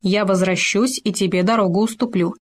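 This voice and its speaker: A woman's voice: mid-range voice, steady tone, a little fast, natural voice. Woman doing a big bossy bear. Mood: threatening. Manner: roaring, bossy threats. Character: big threatening male bear.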